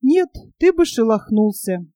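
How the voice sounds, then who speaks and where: A sensible young boy from a storybook, steady and a little condescending, quick to scold, as a woman voices him. The voice is fairly high and mellow, close-miked and dry. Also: dry recording. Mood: reassuring. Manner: reassuring, then scolding.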